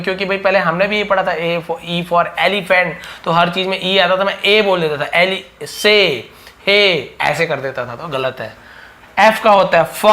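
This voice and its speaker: Male teacher, steady phonics lesson, drawn-out example words, self-questioning. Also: sits high. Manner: repeats words slowly, asks and answers himself. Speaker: English teacher.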